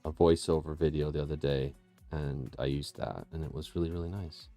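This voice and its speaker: A man with a warm bass voice hosts a live digital painting stream, chatting casually with viewers and explaining his work as he paints. He talks fairly quickly with fairly even intonation, rambling and often trailing off to restart sentences. Faint music plays behind him in a small tile-floored room, picked up by a close, processed condenser mic.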